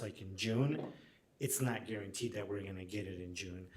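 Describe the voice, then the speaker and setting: A man presenting at a school board meeting in a friendly, upbeat way with frequent "um"s. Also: fairly low pitch. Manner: upbeat, friendly, hesitant fillers. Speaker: district administrator presenting. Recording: echoey meeting room.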